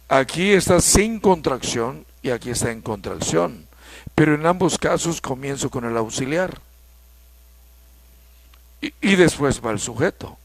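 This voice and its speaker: A man from Mexico teaching an English grammar lesson, explaining slowly and repeating key points. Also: on the high side, no echo.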